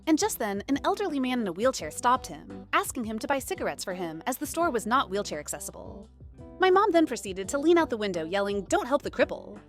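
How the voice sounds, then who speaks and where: A woman reading online stories aloud as a narrator, in an expressive way. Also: sits high. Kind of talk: scripted narration.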